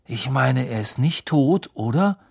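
An excitable schoolboy from an audiobook, voiced by a man, a little higher and louder than the narration. He blurts out his words with animated rise and fall. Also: measured pace, creaky, husky, full character voice. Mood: eager. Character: loud, excitable teenage schoolboy.

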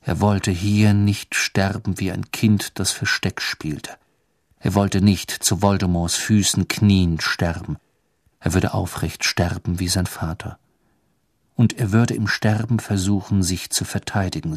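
An audiobook narrator with a low male voice reads a storybook aloud in an expressive, dramatic style. The recording is dry and close, with no room sound and no echo.

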